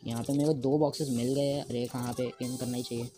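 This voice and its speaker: A man talks through a mobile game as he plays, excitable and quick to repeat words over and over when he panics. His voice sits at a middle pitch. Lively game music plays clearly behind him. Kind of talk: live gameplay commentary. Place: at home.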